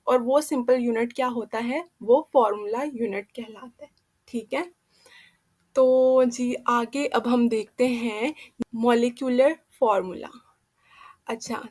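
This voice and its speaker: A young woman explaining chemistry in a patient classroom manner, often checking in with her students. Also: high voice. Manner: patient, checks in with frequent "theek hai". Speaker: chemistry teacher.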